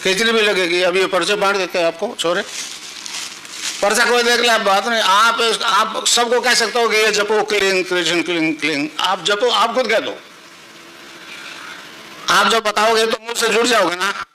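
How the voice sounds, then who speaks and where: Man, older, spiritual teacher, storytelling sermon, bright voice, faint background noise. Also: high voice, moderate pace, pauses often, rough recording. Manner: storytelling, teaching a mantra to repeat. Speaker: spiritual guru. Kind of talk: sermon to a live gathering.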